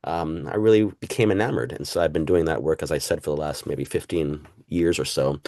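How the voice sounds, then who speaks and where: A bass-voiced man from Puerto Rico speaks briskly and with a darkish tone as a guest historian in a casual interview. He muses reflectively, with many fillers, asides and frequent "right?".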